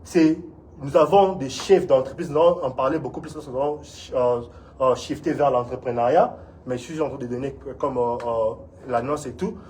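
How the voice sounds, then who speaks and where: A man's voice: medium pitch, normal speed, darkish tone, slight background noise. A man from Congo, an instructor giving an earnest, encouraging community talk in an interview. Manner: earnest, encouraging, often asks "vous voyez?".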